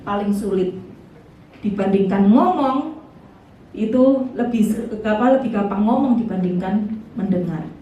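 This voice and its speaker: A woman's voice: mid-range voice, a little slow, long pauses, warm tone, lo-fi sound. A woman evangelist with an East Javanese accent gives a chatty, humorous sermon to married couples and asks the audience questions. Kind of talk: lively sermon to a couples' fellowship. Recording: echoey hall from far off with faint background noise.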